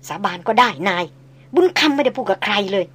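A woman's voice: a little high, expressive, fast talker, husky. A woman voicing a blunt, jovial old male jungle hunter who talks in coarse folksy speech. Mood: worried confiding.

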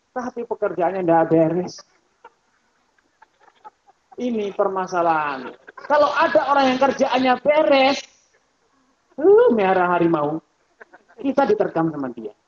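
A man giving a religious study lecture on economics. He talks in a lively, rhetorical way, addresses his listeners directly, and mimics the people he quotes. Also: sits high. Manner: mimics other people's voices when quoting them. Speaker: Islamic scholar and lecturer. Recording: muffled lo-fi lecture recording.

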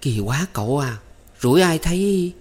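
A man's voice: medium pitch, normal speed, darkish tone, voice pushed up, close to an everyday voice. A man reading a story aloud, voicing a shy, anxious young servant girl. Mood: protesting. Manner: pleading, flustered, coy protests. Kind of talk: audiobook character voice.

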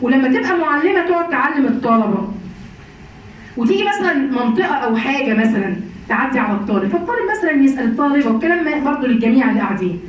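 A woman's voice: high-pitched, expressive, racing, highs cut off, slight background noise. A woman with an Egyptian accent giving a religious lesson to women, asking her class rhetorical questions. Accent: Egyptian Arabic. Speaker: Quran commentary teacher. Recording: echoey room, distant mic.

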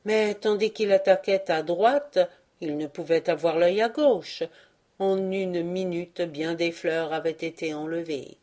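Woman, audiobook narrator, storybook reading, measured, very slow. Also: fairly low pitch, warm tone. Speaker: audiobook reader.

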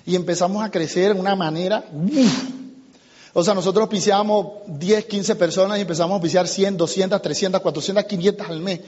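High-voiced husky man speaking in a hall. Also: brisk. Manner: animated, addresses the audience, acts out conversations. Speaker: business trainer. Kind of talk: motivational seminar talk. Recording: muffled lo-fi recording in a reverberant hall.

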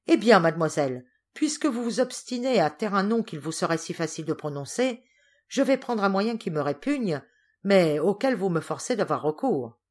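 A woman's voice: on the low side, animated, moderate pace. A woman voicing an agitated, indignant older uncle in an audiobook. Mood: angry. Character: angry stern older uncle, a man.

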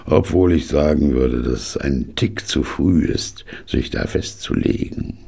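A cautious, doubtful card player who weighs his words, speaking in a deep, gravelly, husky voice, as a man reads him aloud. His tone is measured, as in an audiobook. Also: mellow, heavily acted. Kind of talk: audiobook reading.

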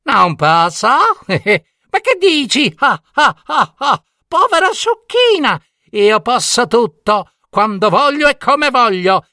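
A man voicing a cruel wicked witch queen in a fairy tale, shrill, mocking and cackling. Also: very animated, slow, hardly any pauses, pushed and bright, no room sound, clean studio sound, exaggerated voice.

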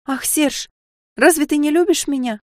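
A woman's voice: on the high side, animated, moderate pace, mellow, dry recording, studio quality, pitched above the performer's own voice, lightly acted. A woman voicing a naive sixteen-year-old maid, dreamy and tearful, who chatters in a breathless, pleading way. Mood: tearful distressed.

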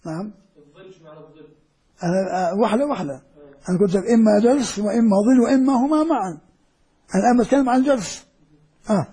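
An older man giving a classroom lecture, explaining slowly and repeating and drawing out key words. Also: high-pitched, dark tone, slightly rough. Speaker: Quran lecturer.

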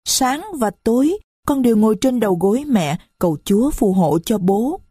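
A woman's voice: on the high side, lively intonation, normal speed, mellow, husky, dry recording, clean studio sound, voice pushed up. A woman putting on a shy, polite little girl. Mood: innocent. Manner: timid, childlike, polite. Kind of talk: audiobook reading.

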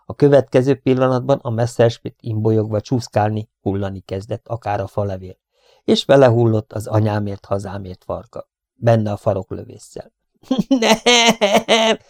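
A man reading a war novel aloud as an audiobook, with dramatic delivery that jumps up sharply in pitch and volume for shouted lines. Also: steady tone, creaky, dry recording, clean studio sound. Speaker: audiobook reader.

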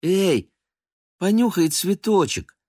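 A man doing a shrill, excitable little girl. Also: slow, no echo, clean studio sound, exaggerated voice. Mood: eager. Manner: shrill and eager.

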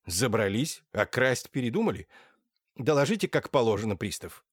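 A man's voice: medium pitch, very animated, moderate pace, no room sound, clean studio sound. A man voicing a blustering, half-blind old general who speaks in indignant, commanding outbursts.

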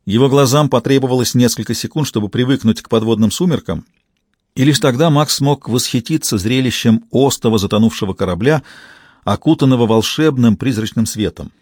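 A man narrating an adventure novel in a calm, even storytelling manner. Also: medium pitch, brisk, no echo, studio quality. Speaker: audiobook narrator. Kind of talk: scripted narration.

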